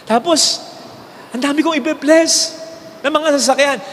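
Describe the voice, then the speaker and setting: A man with a Filipino accent giving a homily as a priest, telling a story with lively swings between raised exclaims and low, hushed lines. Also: unhurried, slight background noise. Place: large church. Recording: long church reverb with faint ambience.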